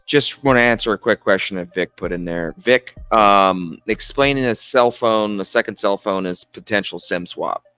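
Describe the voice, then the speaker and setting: A man co-hosting a casual crypto chat, chiming in with quick remarks. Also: on the low side, sharp tone, clean tone, dry recording, soft background music.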